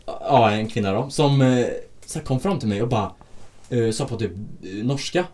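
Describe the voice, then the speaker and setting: A man in casual chat, recounting work stories about hotel breakfast guests, acting out the quotes and swearing often. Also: medium pitch. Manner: animated storytelling with acted-out quotes; frequent swearing.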